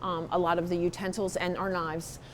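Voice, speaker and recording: A woman's voice: on the low side, flat delivery, moderate pace, a little hiss or hum. A woman who instructs a culinary program, explaining it in a matter-of-fact interview. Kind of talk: interview answers.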